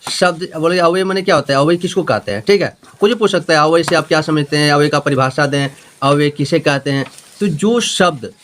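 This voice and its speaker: A man's voice: a little high, a bit bright. A man teaching a Hindi grammar lesson with a Jharkhand accent, repeating points and checking if students follow. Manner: repetitive, explaining with homely examples and checking questions.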